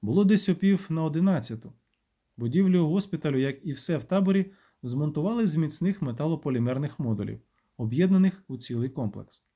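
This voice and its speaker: A man narrating a first-person audiobook in a measured, wry way. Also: fairly high pitch, lively intonation, dark tone.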